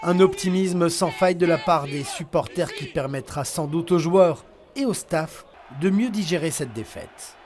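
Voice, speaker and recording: A male reporter giving scripted news narration with a measured, dramatic delivery. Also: fairly high pitch, darkish tone.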